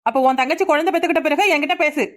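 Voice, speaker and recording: A sharp-tongued young village wife, played by a woman in a cartoon, speaking with a Kanyakumari Tamil accent. Her voice sits high and she talks very fast, retorting often. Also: close to an everyday voice. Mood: sulky. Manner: sulky, retorting.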